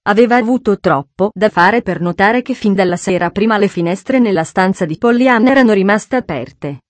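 A woman narrating a children's story in a calm, even storytelling manner. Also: mid-range voice, normal speed, dry recording. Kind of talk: audiobook narration.

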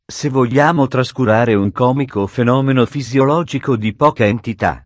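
A man reading a storybook aloud in steady, measured narration. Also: mid-range voice, dry recording.

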